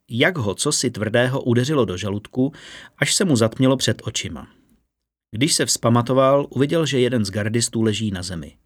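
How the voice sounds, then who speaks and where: A man narrating a fantasy story in a steady, measured audiobook reading. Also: mid-range voice, dry recording, clean studio sound.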